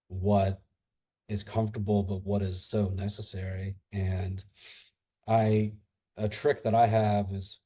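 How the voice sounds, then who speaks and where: A man's voice: fairly low pitch, mellow, slightly rough. A man who teaches English, a guest in a casual podcast chat, rambling and antsy as he talks. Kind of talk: casual conversation.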